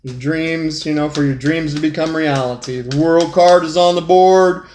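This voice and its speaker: A man gives a relaxed tarot reading, speaking straight to the viewer in a folksy, repetitive way. His voice sits a little high. The room around him sounds echoey. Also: moderate pace, a little hiss or hum. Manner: folksy, repeats phrases, talks straight to the viewer. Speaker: tarot reader.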